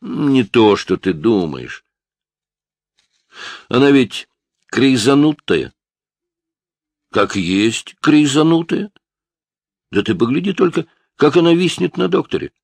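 A man with a low, gravelly voice voicing a brash, insolent teenage boy under police questioning who mocks in rude slang. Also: big pitch swings, slow pace, pauses often, no room sound, heavily acted.

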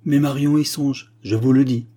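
A man's voice: medium pitch, fairly even intonation, moderate pace, mellow, voice pushed up, close to an everyday voice. A man playing a sly, greedy old village man with a wheedling manner.

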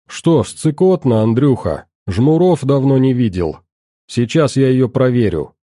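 A man's voice: medium pitch, animated, a little slow, dark tone, no room sound, clean studio sound. A man voicing a crude, callous male security guard who mocks in coarse slang. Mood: mocking. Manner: mocking, coarse.

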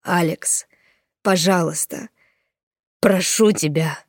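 A woman's voice: on the low side, slow pace, no room sound. A woman voicing a distraught young man who pleads and sobs, in a dry close recording. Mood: pleading. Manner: pleading, tearful, insistent.

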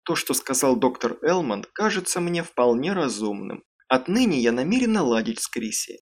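A man's voice: mid-range voice, sing-song, moderate pace. A man voicing an anxious, secretive teenage girl who speaks tensely and pleads. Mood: guarded.

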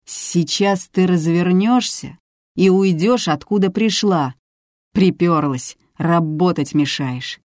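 A woman puts on a boorish older male police duty officer in an audiobook, barking orders in a slow, heavy drawl. The voice sits low and warm, close and dry. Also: no room sound. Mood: rude.

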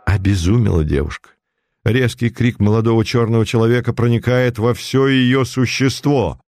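A man's voice: medium pitch, flat delivery, normal speed, darkish tone, no room sound, studio quality. A man reading a story aloud in a theatrical, emotive way. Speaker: narrator. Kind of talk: dramatic audiobook narration.

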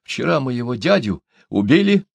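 A man's voice: medium pitch, very animated, moderate pace, vocal fry, dry recording, pitched above the performer's own voice. A man doing a mocking young villager.

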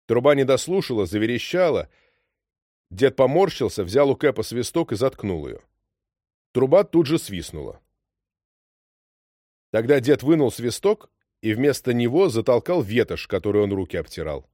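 A man narrating an audiobook with even storytelling. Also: medium pitch, normal speed, pauses often, no echo, clean studio sound.

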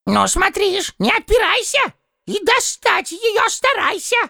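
A man voicing a hot-tempered old tsar who blusters, mocks and shouts threats in a shrill, strained voice. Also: huge pitch swings, unhurried, gravelly, dry recording, clean studio sound, full character voice. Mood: menacing.

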